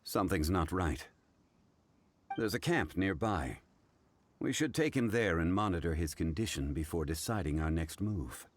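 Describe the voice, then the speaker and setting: An actor playing a calm, ancient and dignified man who speaks in a composed, formal way. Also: low-pitched, normal speed, slight background noise. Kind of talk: game voice acting. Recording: game soundtrack behind.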